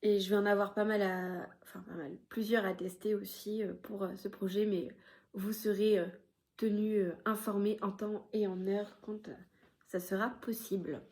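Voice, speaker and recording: A woman casually chatting on her knitting podcast, showing her projects with a hesitant, filler-heavy way of talking and the odd soft aside. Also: mid-range voice, level tone, normal speed.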